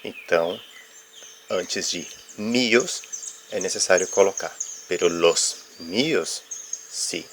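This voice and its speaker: A man with a fairly low voice explains grammar at an unhurried, deliberate pace. He pauses on "ah" as he walks through examples and checks in with "ok?". Faint birdsong and insects sit in the background. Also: a bit bright, a little hiss or hum. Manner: uses filler "ah" while explaining. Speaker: Spanish teacher.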